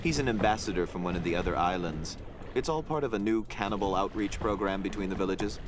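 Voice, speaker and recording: An actor playing a polite, officious cannibal islander in a comic adventure game, speaking deadpan like a tour guide. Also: male voice, low voice, fast talker, background noise, close to an everyday voice. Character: civil, polite male cannibal islander villager with modern tastes.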